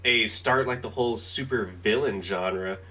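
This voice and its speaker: A man's voice: on the low side, measured pace, sharp tone. Laid-back young man, casual chat. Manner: loose, laughing, lots of "like". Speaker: podcast co-host.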